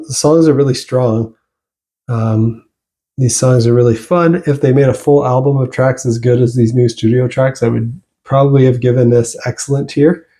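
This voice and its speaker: A man giving casual album reviews on his channel, relaxed and rambling, with frequent fillers and restarts. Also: medium pitch. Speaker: music reviewer.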